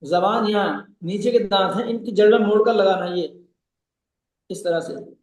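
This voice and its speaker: A man teaching Arabic letter sounds on a video call, patiently stretching out model syllables and then giving quick corrections. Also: sits high, darkish tone, echoey room. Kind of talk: online pronunciation lesson.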